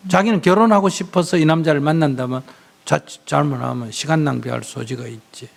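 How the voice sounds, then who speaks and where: Male monk, gravelly tone, slightly high voice, blunt and teasing Q&A advice. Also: a little fast. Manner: blunt, teasing, acts out quoted lines. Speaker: Buddhist monk giving advice. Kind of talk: live Q&A dharma talk. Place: lecture hall with audience.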